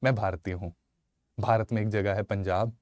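A man in his thirties from Punjab teaching a live online exam-prep lecture in a studio, animated and mixing Hindi and English while asking viewers questions. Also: lowish voice, normal speed, no echo. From Punjab, India. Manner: animated, switches between Hindi and English, asks viewers questions, gestures a lot. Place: studio in front of a slide screen. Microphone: lapel mic.

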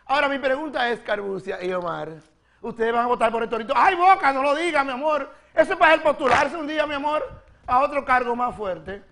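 A man's voice: very high voice, lively intonation, fast talker, gravelly, fairly bright tone, exaggerated voice. A man playing a flamboyant, gossiping country woman from the Dominican Republic who hosts a comedy gossip segment, speaking with a Dominican accent, giggling and calling everyone "mi amor". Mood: sassy. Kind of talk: TV comedy sketch character.

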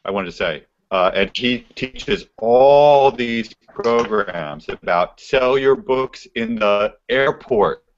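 A man's voice: mid-range voice, lively intonation, slow pace, few pauses, slight background noise. A man talking casually on a video conference call, his connection breaking up as he restarts his phrases. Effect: voice heard over a video conference call. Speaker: call participant. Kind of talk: casual group chat. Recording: muffled lo-fi call audio.

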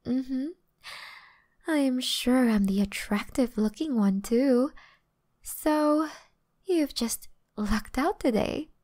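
ASMR role-play: actress as seductive female vampire, gentle predator, teasing, mellow tone, unhurried delivery. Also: high voice. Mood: calm, matter-of-fact. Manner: teasing, softly boastful, unhurried.

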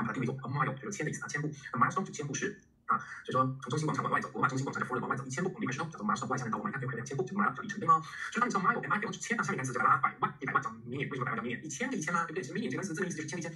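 A middle-aged man teaching English vocabulary in a lively, chatty lecture, spelling words out letter by letter. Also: on the high side, low-quality recording.

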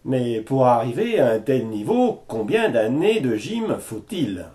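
A man reading a scripted news report as a voice-over, in a measured and unhurried way. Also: mid-range voice, sing-song, mellow. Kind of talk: scripted narration.

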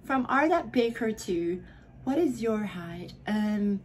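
The drunk young vlogger from the Philippines, a native Filipino (Tagalog) speaker, answers viewer questions casually from her bedroom. Her voice sits at medium pitch, animated but slow, with a little hiss or hum, and she slurs, giggles and lapses into whispers.

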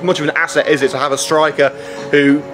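Club TV host, man, upbeat quick questions, music behind. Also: a little high, flat delivery. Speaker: club TV interviewer. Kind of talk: post-match interview.

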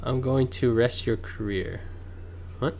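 A man of ordinary middle pitch mutters his way through a card game on stream, reading cards aloud and greeting viewers between moves. The sound is plain livestream headset audio, close and direct. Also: slow, creaky, a little mellow, slight background noise. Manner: thinks aloud, reads card text, chats with viewers. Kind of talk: casual gameplay commentary. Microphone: livestream headset mic.

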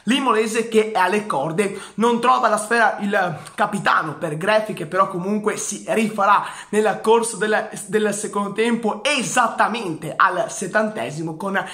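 High-pitched, emphatic young man recapping football. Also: moderate pace, hardly any pauses, sharp tone. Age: 20s. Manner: emphatic, repeats phrases for effect. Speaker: football commentator. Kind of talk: excited football match recap to camera. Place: living room with bookshelves, indoors. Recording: roomy indoor echo.

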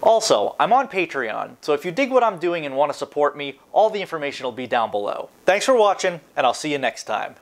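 A man's voice: on the high side, big pitch swings, fast talker, hardly any pauses. Nasal-voiced man narrating a knife build. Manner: upbeat, jokey asides. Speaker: knife-making channel host.

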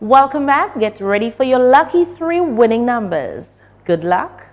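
A woman's voice: a little high, sing-song, unhurried, highs cut off. A young woman, presenting a lottery draw in a formal, carefully enunciated way. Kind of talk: scripted TV lottery announcing.

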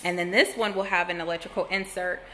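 A woman's voice: fairly low pitch, fairly even intonation, fast, sharp tone, a little hiss or hum. Chatty woman narrating her home renovation. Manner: chatty, with many fillers and "like".

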